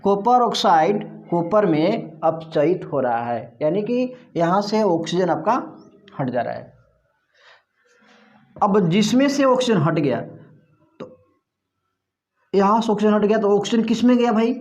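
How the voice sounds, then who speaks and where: A man's voice: sits high, sing-song, a little slow, pauses often, darkish tone, dull audio. A male teacher giving a classroom chemistry lesson, putting questions to the class and answering them himself, repeating the key terms.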